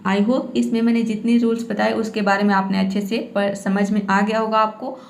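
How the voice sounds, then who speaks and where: A woman's voice: medium pitch, little pitch movement, fairly quick, gravelly. A woman teaching English pronunciation in Hindi, explaining rules patiently and repeating each word. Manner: patient, repeats words and checks with "theek hai".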